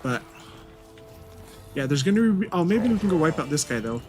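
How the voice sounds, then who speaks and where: A man's voice: a little high, very animated, normal speed, darkish tone, faint music behind. A man thinks aloud in casual commentary as he plays a strategy game. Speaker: gaming video host.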